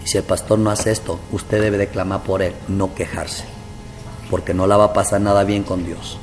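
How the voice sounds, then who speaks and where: A man's voice: low voice, flat delivery, moderate pace, soft background music. A man preaching a testimony sermon as pastor, telling his story earnestly and often calling out to his brothers. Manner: earnest storytelling, keeps addressing "hermano". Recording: reverberant hall with faint ambient noise.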